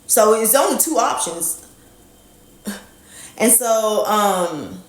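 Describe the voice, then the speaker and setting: Woman, thirties, livestream storyteller, profane and animated, slightly high voice, echoey room. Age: 30s. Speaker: livestream host. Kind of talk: casual storytelling on a live stream. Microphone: phone.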